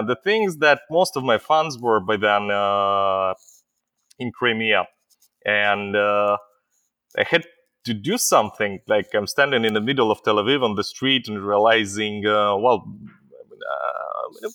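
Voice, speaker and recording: A man's voice: on the low side, animated, measured pace, pushed and bright, dry recording. A middle-aged man born in Ukraine, a company CEO telling his story as an interview guest, with many hesitant fillers.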